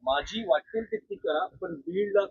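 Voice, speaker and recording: A man's voice: extremely high pitch, wildly swooping pitch, unhurried, creaky, no room sound, narrow, tinny audio. A male reporter putting hesitant questions to a politician. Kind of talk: press questioning.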